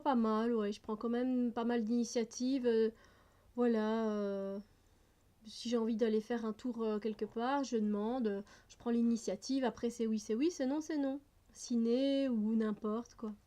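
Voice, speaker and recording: Chatty woman with a mellow voice. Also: a little high. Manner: chatty and light, laughs often, many hesitations. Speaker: vlogger. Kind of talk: casual vlog reading out and answering personal questions.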